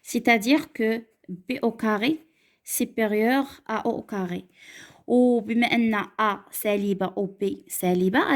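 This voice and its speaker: Woman, Moroccan accent, math teacher, step-by-step explaining, mid pitch. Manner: switches between French and Moroccan Arabic, slows down to dictate examples.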